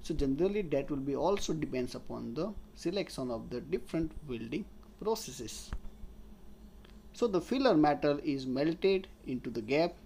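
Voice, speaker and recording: A man's voice: on the high side, lively intonation, moderate pace, vocal fry, dark tone, a little hiss or hum. A man, giving a slide lecture as an engineering tutor and explaining step by step while restating his points. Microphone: voice-over on slides.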